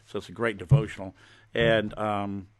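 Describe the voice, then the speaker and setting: A man talking like a folksy home shopping host on a live stream, informally showing and pitching his own products. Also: flat delivery, normal speed. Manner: folksy, informal show-and-tell.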